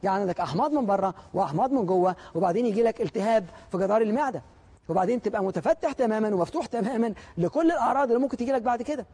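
A man's voice: high-pitched, warm tone, breathy edge. A man with an Egyptian Arabic accent giving a motivational lecture, emphatic and full of rhetorical questions that he answers himself.

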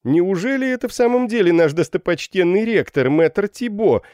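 A man voicing a brash, mischievous young male student who jeers and shouts, pitched well above his own voice and louder. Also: sing-song, normal speed, no room sound, studio quality. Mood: mocking. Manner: jeering, rowdy.

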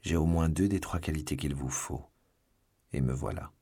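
A man's voice: very deep voice, normal speed, dark tone, husky, heavily acted. A man voicing a brave, gallant young swordsman in an audiobook. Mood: ardent. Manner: bold, gallant. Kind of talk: audiobook reading.

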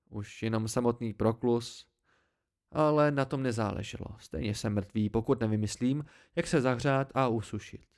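A man narrating an amateur audiobook, raising his voice for the shouted dialogue. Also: medium pitch. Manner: reads with rising intensity, shouting out the dialogue. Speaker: audiobook reader.

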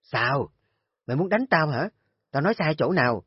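A shrill, scornful young daughter-in-law, put on by a male storyteller, yelling taunts in a high, husky strained voice. The storybook recording is dull and lo-fi, with soft music underneath. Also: animated, normal speed, no echo. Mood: scornful shouting. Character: spiteful young woman, sharp-tongued shrewish daughter-in-law. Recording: dull lo-fi audio with faint music.

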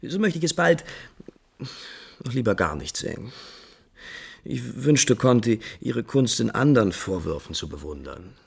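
Imperious, moody prince, voice swinging widely. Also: male voice, mid-range voice, sing-song, a little slow, gravelly, pauses often, husky, full character voice. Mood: impatient, intrigued. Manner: theatrical, declamatory, lingering on words. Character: imperious, moody, lovesick prince of a small realm. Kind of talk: classical German stage drama acting.

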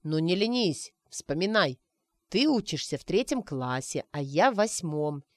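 A man's voice: a little high, very animated, measured pace, no echo, clean studio sound. Woman doing a teasing young man playing wizard. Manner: playful, mock-mystical.

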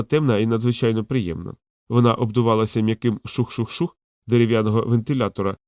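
A man narrating a fantasy audiobook in an even, measured reading. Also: mid-range voice, no room sound, clean studio sound. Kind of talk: scripted narration.

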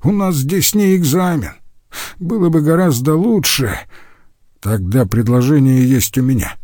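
A man voicing a mocking, sharp-tongued male medieval scholar who sneers at his colleagues. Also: mid-range voice, lively intonation, a little slow, dry recording, clean studio sound, pitched above the performer's own voice. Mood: indignant. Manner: sneering, scornful.

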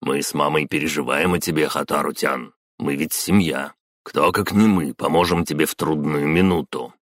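A man reading a story, voicing a gentle, persuasive middle-aged father. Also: very deep voice, moderate pace, no echo, clean studio sound. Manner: soft, calm, coaxing.

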